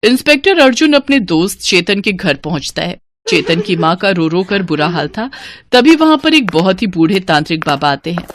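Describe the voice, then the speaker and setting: A woman giving scripted, measured storybook narration. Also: fairly low pitch, very animated, crowd noise. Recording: noisy recording.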